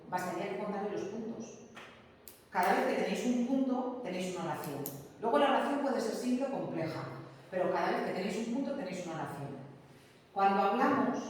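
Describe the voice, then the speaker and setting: A woman teacher lectures on grammar, patient and explanatory, often pausing to check her students follow with a short "¿m?". Her voice rings through a large reverberant room. She stands well back from the microphone, with faint background noise. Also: mid-range voice. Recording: echoey room, distant mic, faint ambient noise.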